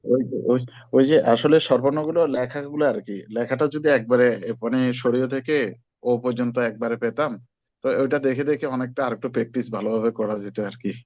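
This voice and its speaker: A man's voice: medium pitch, fairly even intonation, fast talker, dry recording. Hesitant male student on muffled call. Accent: Bangladeshi Bengali. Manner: hesitant, polite. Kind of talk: question in an online class.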